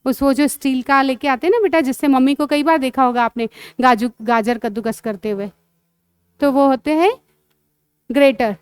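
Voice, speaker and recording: A woman teacher giving a lesson to children, patiently quizzing them and repeating each phrase slowly. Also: high-pitched, clear, resonant tone, dry recording. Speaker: English teacher.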